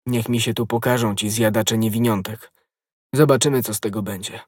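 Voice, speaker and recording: A man playing a sardonic nobleman shut up in a cellar, curt and mocking in a husky voice. The recording is dry and close, with no room echo. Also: fairly low pitch, fairly even intonation, a little fast. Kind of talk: audiobook role.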